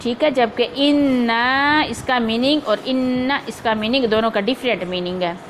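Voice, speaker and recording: Female recitation teacher, slightly high voice, unhurried and repetitive, faint background hiss. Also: poor audio. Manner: slow drawn-out recitation with repeated syllables; patient explaining, repeating points. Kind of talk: tajweed lesson.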